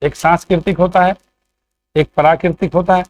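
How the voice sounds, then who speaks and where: A man's voice: high-pitched, steady tone, normal speed. A man teaching an exam coaching class, posing quiz questions and answering them himself, checking in with the students again and again. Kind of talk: classroom lecture.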